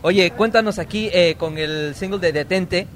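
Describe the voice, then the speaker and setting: A man's voice: high-pitched, unhurried, slight background noise. A man with a Mexican accent hosting a casual live radio interview from a bar inside a casino hotel, with playful, teasing banter. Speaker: radio host.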